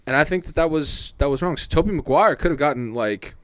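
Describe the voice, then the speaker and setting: A man co-hosting a casual chat over a remote call, blunt, opinionated and quick to swear. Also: a little high, no echo. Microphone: remote call with a mute button.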